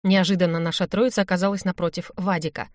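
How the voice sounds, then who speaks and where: A young woman narrating a first-person story in a lively, expressive audiobook reading. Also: on the low side, fast, dry recording, clean studio sound. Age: young adult.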